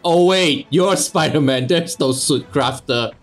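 A man's voice: fairly high pitch, a little slow. A man giving joking, casually swearing game commentary with mock exasperation. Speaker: gameplay video maker and commentator. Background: video game music.

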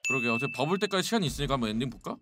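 A young man in his twenties streaming a game, excitable and yelling at it as he plays. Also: medium pitch, very fast. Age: 20s. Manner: excitable, yells and shouts at the game. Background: game music.

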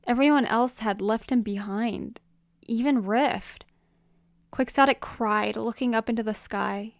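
A woman reading a story aloud as narrator, in a measured, expressive way. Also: medium pitch, dry recording, clean studio sound. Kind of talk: fan fiction audiobook reading.

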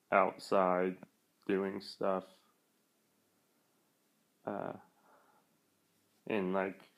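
A young man vlogging casually while feeling sick, speaking in a halting, hesitant way that trails off. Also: low voice, creaky. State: feeling sick, achy and nauseous. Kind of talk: casual vlog talk.

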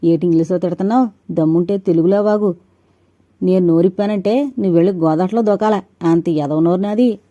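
A woman reading a story voices a rough-tongued, hot-tempered male watchman in coarse rustic speech. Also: lowish voice, brisk, mellow, no echo, muffled recording, close to an everyday voice. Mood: angry.

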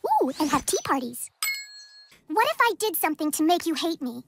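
Cartoon alien heroine turned would-be villainess: very high, swooping, formal and theatrically evil. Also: female voice, big pitch swings, normal speed, a bit bright, slight background noise, full character voice. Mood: menacing. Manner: theatrical villainous declarations in stiff, formal wording. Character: sweet alien superheroine girl playing at being an evil villain. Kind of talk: animated cartoon voice acting. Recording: music over the voice.

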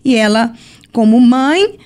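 A woman's voice: fairly high pitch, expressive, slow, a little mellow. Brazilian woman bishop teaching by example. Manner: explanatory, tells stories with acted quotes. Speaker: church bishop guest. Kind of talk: teaching, religious podcast talk.

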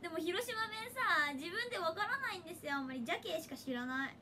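Giggly young woman with a high bright voice. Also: animated, quick pace, a little hiss or hum. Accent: Hiroshima. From Hiroshima, Japan. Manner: giggly, chatty, laughs often. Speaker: idol livestreamer. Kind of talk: casual livestream chat reading viewer comments.

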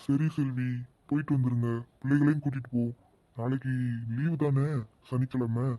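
A man voicing an easygoing, indulgent village father in a cartoon, calm and reassuring. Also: medium pitch, normal speed, no room sound, lightly acted. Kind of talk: animated cartoon voice acting.

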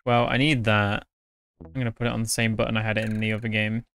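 A man's voice: lowish voice, level tone, fast talker, vocal fry, fairly bright tone, smooth. A young man casually commenting while playing a video game, joking and sometimes swearing. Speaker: streamer.

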